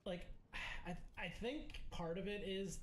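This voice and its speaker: A man's voice: high voice, a little slow. Man chatting in an echoey room. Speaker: gamer playing online with a friend. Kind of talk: casual chat while gaming. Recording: echoey room with faint background noise.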